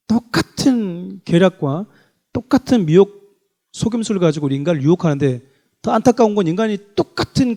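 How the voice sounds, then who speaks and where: Man, pastor, sermon, emphatic, rhetorical questions, high-pitched. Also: dark tone.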